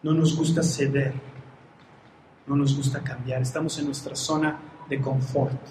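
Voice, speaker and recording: A man preaching a lively sermon, acting out Bible characters and joking with his congregation. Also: mid-range voice, measured pace. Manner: animated, acts out characters, jokes with congregation. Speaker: pastor. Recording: echoey hall, faint background noise.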